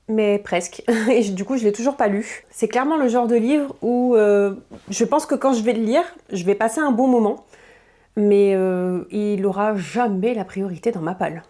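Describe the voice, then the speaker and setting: A woman chats casually about the books on her shelf, candid and a little self-mocking, often pausing on hesitant fillers. Her voice is mellow and soft-edged, sitting at an everyday middle pitch. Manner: chatty and candid, with frequent fillers and self-deprecating asides. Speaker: book vlogger presenting her to-read pile. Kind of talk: casual chatty book talk to camera.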